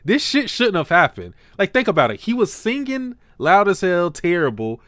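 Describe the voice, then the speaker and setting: A man hosting a casual livestream podcast, talking in an animated, slangy way and laughing often. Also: high voice, normal speed, dry recording, studio quality. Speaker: podcast host.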